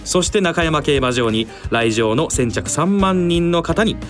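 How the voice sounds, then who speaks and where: Very polite male radio host, highly animated delivery. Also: unhurried, faint music behind. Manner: very polite formal Japanese announcing. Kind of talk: polite radio horse racing presentation.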